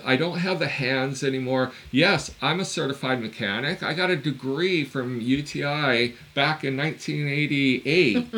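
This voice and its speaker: A man's voice: mid-range voice, a bit bright. A man in his fifties, a certified mechanic and podcast co-host, telling a long story in a blunt, exasperated way and swearing now and then. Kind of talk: casual podcast chat.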